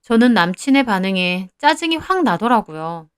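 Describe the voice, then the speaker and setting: A woman's voice: mid-range voice, very animated, normal speed, smooth, no room sound, clean studio sound. A young woman narrating a first-person story in a confiding, conversational way.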